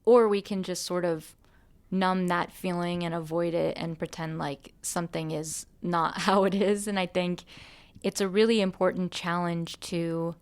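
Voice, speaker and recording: A woman's voice: fairly low pitch, fairly even intonation, measured pace, clean tone. A woman hosting a podcast, an artist talking earnestly and musingly, with restarts and light laughs. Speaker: podcast host and musician. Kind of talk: reflective conversation.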